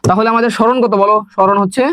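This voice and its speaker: A young man teaching a live online science class, talking fast and chatty and mixing in English words. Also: sits high, steady tone, bright, forceful tone.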